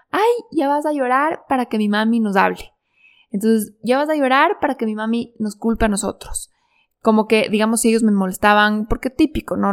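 A woman telling a reflective personal story in an earnest, confiding way. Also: mid-range voice. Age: adult. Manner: earnest, confiding, many fillers and restarts. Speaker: speaker sharing personal growth story.

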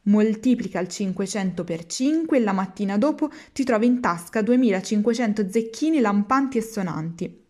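Sneaky fox talking someone into a scam, smooth and coaxing, woman reading it. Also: mid-range voice, expressive, moderate pace, darkish tone, natural voice. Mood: persuasive. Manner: coaxing and persuasive. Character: sly smooth-talking fox, cunning swindler. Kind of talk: storybook reading.

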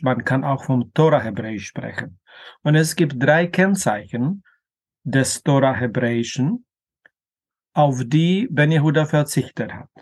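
A man explaining grammar in a careful lecture, pronouncing example words slowly and deliberately, with an occasional filler. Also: medium pitch, breathy edge. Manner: slow, deliberate, careful pronunciation of Hebrew terms. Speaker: language teacher.

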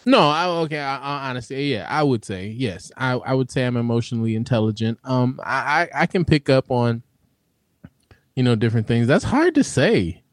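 A man's voice: mid-range voice, brisk, dry recording, clean studio sound. A man co-hosting a relationship podcast, talking casually, teasing his co-host and laughing often, with stumbles and restarts. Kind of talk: casual chat.

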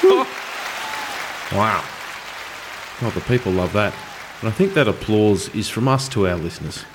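A man's voice: lowish voice, expressive, normal speed, a crowd in the background, background noise. A man with an Australian accent hosting a casual podcast, bantering and rambling in a jokey way. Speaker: podcast host. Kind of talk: casual chat.

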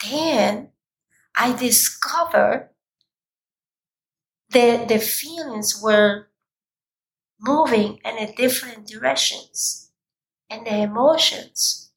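Speaking directly to viewers as a coach, a woman delivers an emphatic, deliberate motivational talk. Her voice is fairly high and slightly raspy, and the recording is rough.

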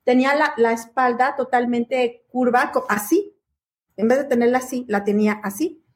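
High-voiced Mexican woman telling anecdotes. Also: moderate pace. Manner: lively storyteller, mimics family voices. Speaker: talk show host. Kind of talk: casual chat, comic anecdote.

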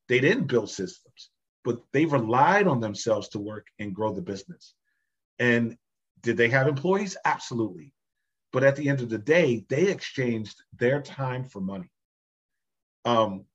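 Male podcast guest, husky tone, slightly muffled recording, emphatic and animated delivery. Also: mid-range voice. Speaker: podcast guest, business systems founder. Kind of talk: conversational podcast interview.

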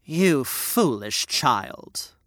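A woman voicing a cold, cruel stepmother in a low, slow, scornful voice. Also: very animated, no echo, studio quality, exaggerated voice.

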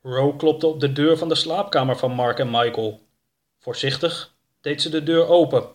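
A man narrating a children's audiobook in a steady, clear reading voice. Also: fairly high pitch, moderate pace. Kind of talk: scripted narration of a children's book.

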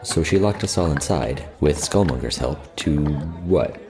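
Man acting a very deep-voiced orderly gentleman. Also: expressive, unhurried. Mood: puzzled, measured. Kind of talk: scripted audio comedy drama.

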